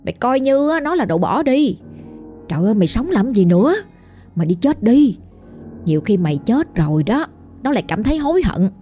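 A woman's voice: on the high side, sing-song, a little fast, mellow, soft background music. A woman voicing a female spirit that taunts a heartbroken listener and coaxes them toward death, her voice echoing and insistent. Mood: taunting. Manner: taunting, coaxing. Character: echoing female spirit luring someone to die.

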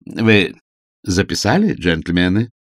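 A man's voice: low-pitched, big pitch swings, takes it slowly, no echo, studio quality, heavily acted. A man voicing a pompous young male invalid who speaks in a stiff, formal manner. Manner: formal, stilted, condescending.

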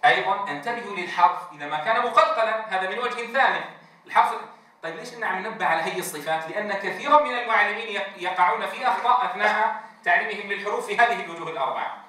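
A man lectures to a class of Quran teachers in a lecture room. He draws out letter names slowly as he demonstrates them and often checks whether everyone has followed. His forceful, high voice rings around the very echoey room. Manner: drawn-out demonstrations of letter sounds, frequent check-ins with the class. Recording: very echoey room, distant mic.

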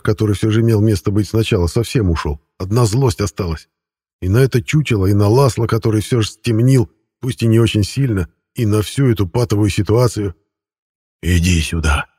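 Low, husky male audiobook narrator. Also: warm tone, no room sound, clean studio sound. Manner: wry, conversational first-person storytelling. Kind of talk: first-person fantasy audiobook narration.

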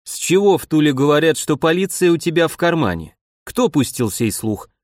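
A man's voice: fairly high pitch, very animated, normal speed, no echo, clean studio sound, pitched above the performer's own voice. A man voicing a stern, imperious police chief who scolds and commands, in an audiobook reading. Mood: interrogating.

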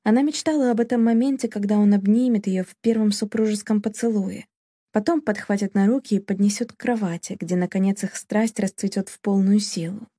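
Женщина, читающая роман тёмным голосом. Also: female voice, medium pitch, fairly even intonation, fairly quick, dark tone, no room sound, clean studio sound. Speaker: audiobook narrator. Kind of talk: scripted narration.

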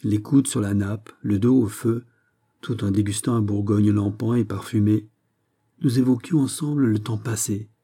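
A man reading a literary short story aloud in a measured, even narration. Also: lowish voice, slightly rough. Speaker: audiobook reader.

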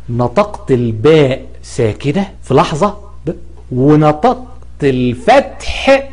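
A man's voice: on the high side, a little mellow, breathy edge. A man with an Egyptian accent teaching an Arabic grammar lesson, explaining patiently and drawing out sounds to demonstrate pronunciation. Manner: corrective, emphatic about common mistakes.

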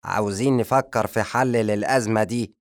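A man with an Egyptian accent voicing a short-tempered, pompous male sorcerer who shouts and lectures fast. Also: lowish voice, fairly even intonation, dry recording, clean studio sound, close to an everyday voice. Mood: scolding. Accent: Egyptian Arabic. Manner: loud, fast, scolding.

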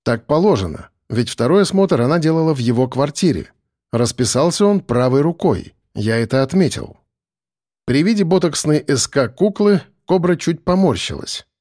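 A man narrating a first-person audiobook in a wry, lively storytelling manner. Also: a little high, moderate pace, dry recording, clean studio sound.

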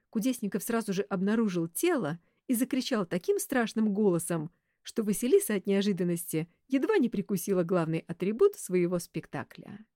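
A woman narrating an audiobook in an expressive, animated way. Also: mid-range voice, no echo, clean studio sound. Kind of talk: audiobook reading.

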